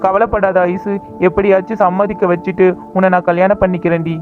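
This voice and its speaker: A voice actor playing a lovesick young man who defies his family in an animated cartoon drama, talking in an earnest, pleading way. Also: medium pitch, brisk, narrow, tinny audio, music in the background, close to an everyday voice. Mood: longing.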